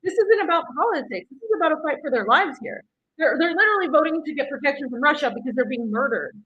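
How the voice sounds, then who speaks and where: A woman's voice: sits high, lively intonation, fast, highs cut off, a little hiss or hum. A woman hosting live commentary, speaking in an opinionated, emphatic way and repeating phrases for stress. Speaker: host commentator.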